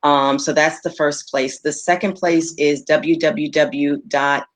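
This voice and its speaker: A woman's voice: low-pitched, fairly even intonation, slow pace. A woman psychologist speaking as a panel guest over a video call, in a practical, matter-of-fact way. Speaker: psychologist and therapist. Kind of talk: casual panel talk on a live webinar.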